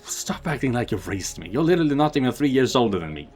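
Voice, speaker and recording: Guy reading as a grumpy little sister, low and annoyed, kinda flat and sulky. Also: fast talker, faint music behind, lightly acted. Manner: sulky, irritated. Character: grumpy annoyed younger sister, young woman.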